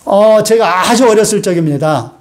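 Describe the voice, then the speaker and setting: A man's voice: sits high, moderate pace. A man pastor preaching a sermon, telling a childhood story in a conversational way with frequent "uh" fillers and asking the congregation to repeat after him. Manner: asks the congregation questions and has them repeat after him.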